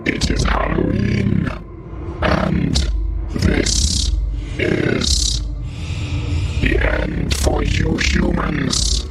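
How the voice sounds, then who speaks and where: A man using a voice changer for a disguised deep voice, playing an evil male demon who threatens humans on a livestream. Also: wildly swooping pitch, full character voice. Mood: menacing. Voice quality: gravelly, slow, menacing. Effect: voice changer, disguised deep monster voice. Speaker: streamer. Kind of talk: livestream chat in character. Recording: loud music behind voice.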